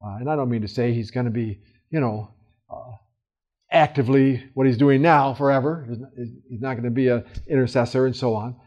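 A man teaching a Bible study in a casual, earnest way, with fillers and restarts, swinging from loud emphasis to soft, quiet asides. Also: mid-range voice, a little fast, lo-fi sound. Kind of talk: conversational Bible study talk.

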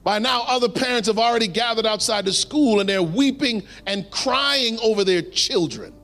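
Male preacher, high voice, dramatic pauses, drops low for emphasis, long hall reverb. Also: sharp tone. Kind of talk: sermon.

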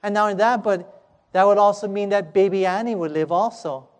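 A gentle, earnest little boy, hushed and pleading, as a preacher puts him on. The voice is quiet and sits low for the speaker. It carries a long echo, as if heard in a big hall. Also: brisk, close to an everyday voice. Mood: tender. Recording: echoey hall.

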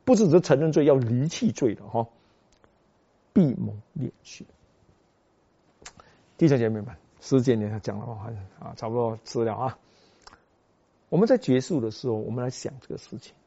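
A man preaching a sermon as a pastor, telling a story with animated delivery that swings between soft and loud. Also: mid-range voice, moderate pace, creaky, pauses often, breathy edge. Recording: dull lo-fi recording.

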